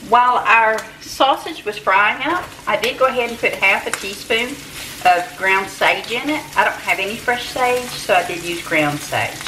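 A home cooking channel host, an older woman, casually demonstrates a recipe in her kitchen, chatting homily with soft laughs and fillers. Her mid-range voice has lively intonation and a normal speed. The sound comes from a distant camera mic across the kitchen and includes background noise.

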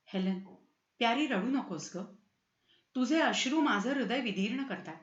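A woman's voice: on the high side, animated, measured pace, echoey room, dull audio. A woman voicing a passionate, hot-tempered young prince in a storybook reading. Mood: tender.

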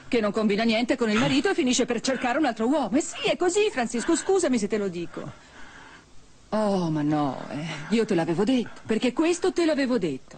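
A mocking, sharp-tongued woman. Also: fairly high pitch, a little hiss or hum. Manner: mocking, cutting, then calming. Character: sharp-tongued woman who mocks a jealous husband. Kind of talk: dubbed telenovela acting.

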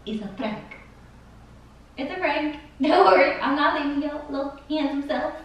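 A woman's voice: sits high, moderate pace, far from the mic, lo-fi sound. A young woman vlogger chatting casually with her husband, playful and teasing, laughing often. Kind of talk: casual couple vlog chat. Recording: echoey room with faint noise.

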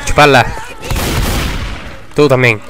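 A young man giving casual, excitable gameplay commentary, swearing and breaking into shouts. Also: medium pitch, slow pace, background noise. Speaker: gamer. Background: game music.

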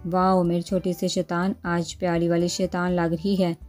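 A woman's voice: fairly low pitch, completely flat delivery, normal speed, darkish tone, soft background music, natural voice. A woman reading the lines of a fond, playful young woman praising a little girl. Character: doting affectionate young woman. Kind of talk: storybook dialogue reading.

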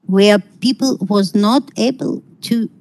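Slow, halting middle-aged woman lecturing online. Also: mid-range voice, a little mellow, low-quality recording. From Kazakhstan. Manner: halting, searching for words, non-native phrasing. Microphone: video call.

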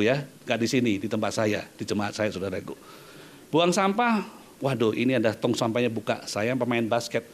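A man preaching a sermon in church, lively and conversational, often calling out to his listeners with playful asides. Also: high-pitched. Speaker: pastor.

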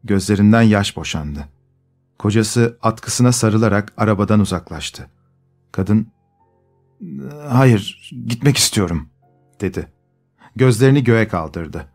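Low-voiced man narrating a story. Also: expressive, a little mellow, faint music behind. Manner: measured storytelling. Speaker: audiobook narrator. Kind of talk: scripted narration.

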